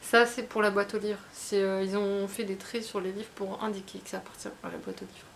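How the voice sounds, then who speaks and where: A woman's voice: mid-range voice, little pitch movement, a little fast, slight background noise. A woman chatting casually about her book haul, talking in a hesitant way with many fillers and restarts. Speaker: book vlogger.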